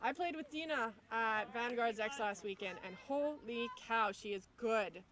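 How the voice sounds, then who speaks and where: A woman from Canada with a Canadian accent, doing chatty, excitable live sports commentary outdoors. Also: on the high side, a little slow. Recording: loud crowd behind.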